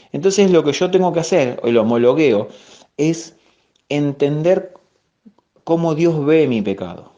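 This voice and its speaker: A man with a Rioplatense Spanish accent teaching a Bible class, explaining slowly, repeating key words and pausing on fillers. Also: medium pitch, dark tone. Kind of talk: recorded theology class. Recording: muffled lo-fi audio.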